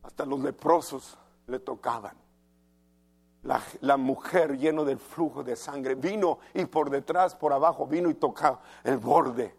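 Slow gravelly-voiced male preacher. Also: medium pitch. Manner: emphatic, asks the congregation questions, slows down on key words. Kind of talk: sermon.

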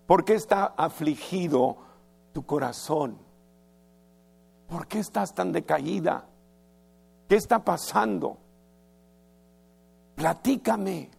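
A preacher acting out a tender, worried husband from the Bible, asking soft, coaxing questions. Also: male voice, fairly high pitch, animated, slow pace, gravelly, pauses often, slightly rough, heavily acted.

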